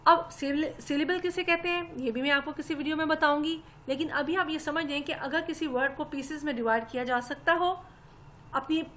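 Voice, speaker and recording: A woman's voice: high-pitched, pushed and bright. A woman, teaching an English grammar lesson patiently and step by step, often addressing her listeners politely.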